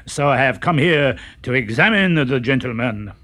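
A man's voice: mid-range voice, expressive, moderate pace, bright, forceful tone. A man voicing a young servant pretending to be a grand doctor, pompous yet hesitant.

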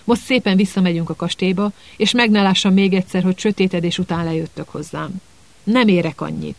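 A big, gruff gamekeeper who booms and scolds, yet is kindly underneath, read by a man. The voice sits high and has a gravelly edge. The sound is close and dry. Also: dry recording. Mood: gruff scolding. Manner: booming, scolding.

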